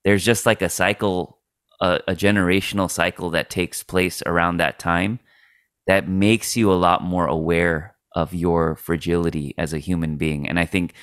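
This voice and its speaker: A man's voice: low voice, steady tone, normal speed, a bit bright, smooth, no room sound, clean studio sound. A man in his late thirties co-hosting a faith podcast, reflecting aloud in a casual way with many fillers. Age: late 30s. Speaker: podcast co-host.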